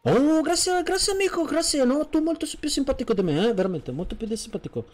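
A jokey, flattering Egyptian man from Cairo, as a male streamer puts him on in a game role-play. His voice sits high and swings widely in pitch. He talks in broken, simplified phrases, repeating words to make his point. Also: a little fast. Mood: cheerful. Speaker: streamer role-playing a character.

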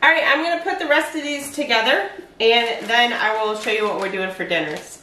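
A woman's voice: a little high, a little fast, pushed and bright, a little hiss or hum. A woman in her forties chatting casually as she shows her meal prep step by step in her home kitchen. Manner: chatty, explains each step. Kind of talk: casual cooking demonstration. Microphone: far camera. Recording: echoey kitchen from a distance.

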